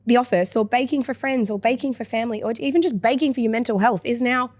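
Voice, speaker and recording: A woman hosting a casual podcast chat, enthusiastic and full of quick asides. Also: on the high side, a little mellow, no room sound. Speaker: podcast host.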